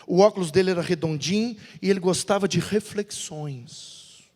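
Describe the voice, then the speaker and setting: A man preaches with a high, lively voice. His sermon rolls through a church hall with a long reverb trailing each phrase. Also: normal speed. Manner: lively preaching, acts out biblical dialogues in voices. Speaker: pastor.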